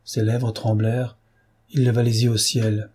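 Measured male storyteller reading a classic novel aloud. His voice is dark and mellow with a husky edge, delivered in an even audiobook cadence. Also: mid-range voice. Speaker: narrator.

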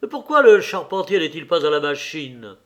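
A man reading an audiobook voices an adult male landowner who fires off sharp, demanding questions. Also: fairly high pitch, big pitch swings, moderate pace. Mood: exasperated. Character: impatient landowner, adult male, quick to anger.

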